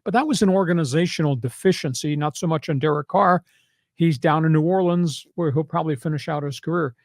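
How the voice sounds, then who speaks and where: An older man hosting a sports podcast in a fairly high voice, punching his points hard and sliding into preachy rants. The sound is close and dry, with almost no room in it. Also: brisk, gravelly, a little mellow, dry recording. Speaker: sports talk host. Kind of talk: casual sports talk.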